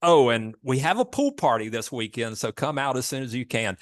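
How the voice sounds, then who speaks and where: A Southern-accented man acting out a flustered male pool owner calling about a problem, hurried and complaining. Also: mid-range voice, lively intonation, dry recording, studio quality, lightly acted.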